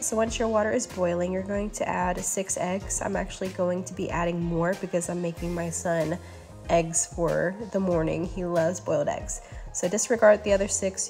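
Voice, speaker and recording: A woman hosting a cooking channel, talking through recipe steps in a relaxed, instructive voice-over. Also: on the low side. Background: faint background music.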